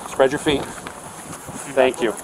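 A male police officer giving brisk short orders and recounting events casually, recorded on his body camera. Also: medium pitch, fairly even intonation. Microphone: own body camera. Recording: noisy body-camera audio.

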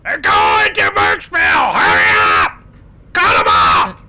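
A man playing a fat, blustering, irate county boss in game roleplay, with a raspy, strained voice. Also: a little high, wildly swooping pitch, unhurried, sharp tone, raised voice, a little hiss or hum, heavily acted. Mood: frantic, barking. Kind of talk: improvised online game roleplay.

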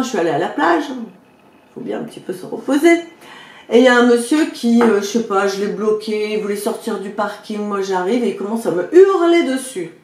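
A woman's voice: fairly high pitch, echoey room. A woman personal development coach giving chatty spoken advice, talking straight to her viewers and acting out little anecdotes. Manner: chatty, addresses viewers directly with frequent checks; acts out quoted exchanges in lively voices.

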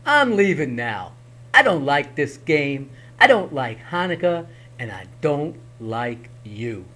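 A man's voice: fairly high pitch, big pitch swings, slow pace, pushed and bright, full character voice. A man voicing a small, grumbling, greedy goblin in a storybook, petulant and sulky. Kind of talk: storybook read-aloud.

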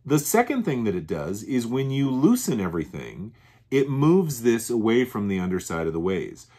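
A man's voice: medium pitch, very animated, normal speed, mellow, slightly rough. A man hosting his own workshop channel, walking through machined parts in a plain, methodical way and often restating his points. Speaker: channel host. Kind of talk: workshop show-and-tell. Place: workshop bench.

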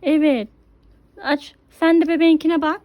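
A woman's voice: high-pitched, fairly even intonation, normal speed, highs cut off. A mother coaxing her toddler through a pretend doctor game, giving instructions and exclaiming often.

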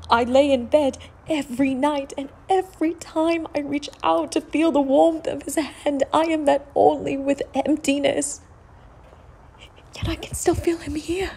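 In a gothic audio drama, a woman plays a young, genteel widow in desperate straits. Her delivery is formal and theatrical, and her voice is high, breathy, and dark in tone.

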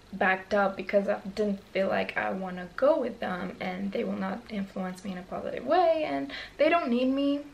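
Speaking candidly to her camera in a cramped bedroom, this Romanian-accented vlogger in her twenties rambles, restarting often and leaning on fillers. Her creaky voice sits in the mid range, and the audio quality is low.

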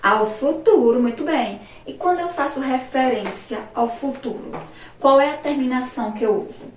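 A teacher from Sergipe, Brazil, with a Sergipe Brazilian Portuguese accent gives a remote lesson to primary pupils, drawing out her words, asking questions and praising their answers. Her voice is high and at normal speed, sounding distant in an echoey room with faint noise.

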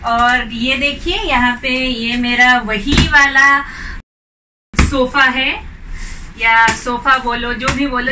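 In a casual tour video, a thirty-something home decor vlogger chats brightly about her small balcony garden, dropping English words here and there. The camera mic sits slightly distant, capturing her fairly high voice alongside a noisy background and faint outdoor sounds.

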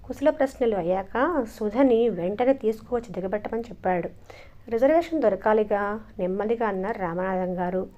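Calm woman reading a story aloud. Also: medium pitch, a little fast, muffled recording. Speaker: audiobook narrator. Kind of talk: storybook narration.

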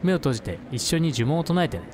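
A man reading the lines of a young schoolgirl who leads a fox-spirit ritual, in a gentle, coaxing way. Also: fairly high pitch, expressive, quick pace, background noise, lightly acted. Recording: game music underneath.

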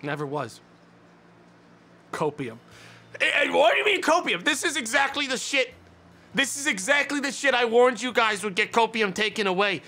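Bright-voiced young man ranting at chat. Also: very high-pitched, very animated, moderate pace, pauses often, a little hiss or hum. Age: 20s. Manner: ranting, mock-indignant, swearing. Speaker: streamer. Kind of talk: casual chat with viewers. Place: small dim room indoors.

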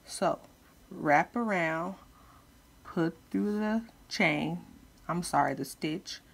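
A woman's voice: lowish voice, slow, creaky. A woman giving casual step-by-step craft instruction as a tutorial host, informal, with slightly lisped speech from wearing retainers.

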